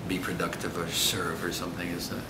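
Deep-voiced French-accented man in his sixties. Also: monotone, a little fast, echoey room, background noise. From Egypt. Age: 60s. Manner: earnest, thoughtful, searching for words. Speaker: coach. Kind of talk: reflective interview answers. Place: indoor hotel room.

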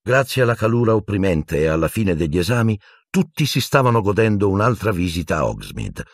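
A man narrating an audiobook in a steady, even storytelling voice, close to the mic. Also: low-pitched, breathy edge, no room sound.

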